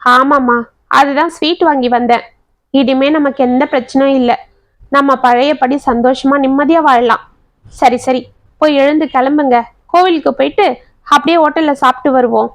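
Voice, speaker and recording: A woman playing a gentle, reassuring young husband. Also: sits high, fairly even intonation, moderate pace, dry recording. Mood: cheerful. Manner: soothing, affectionate.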